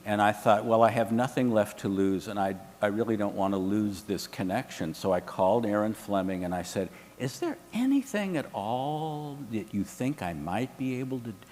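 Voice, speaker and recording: Male panelist, low voice, animated storyteller, long reverb and faint hum. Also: normal speed, few pauses. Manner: animated, quotes others in lively voices. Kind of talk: anecdotal storytelling. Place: hotel event room.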